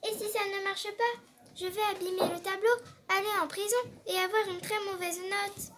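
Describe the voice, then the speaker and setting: A woman voicing an eager, brave little boy in a storybook, asking high, breathless questions. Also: normal speed, background noise.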